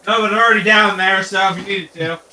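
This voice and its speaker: A man with a very bright, high voice jokes about himself and swears freely as he chats with friends on a game stream. He sits back from the mic, and the room adds a roomy echo. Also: fairly even intonation, fast talker, far from the mic, a little hiss or hum. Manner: self-deprecating, jokey, swears. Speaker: guest streamer playing along. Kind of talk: casual chat with friends while gaming.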